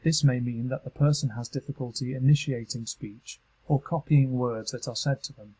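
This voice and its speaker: Husky man narrating a training module. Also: medium pitch, low-quality recording. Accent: British English. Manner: calm, measured instructional delivery. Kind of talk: scripted narration.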